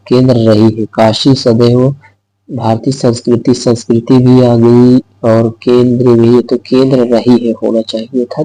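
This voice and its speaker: A man's voice: medium pitch, warm tone, dry recording, poor audio. A man teaching an exam-prep lesson who repeats each word and answer aloud and explains step by step.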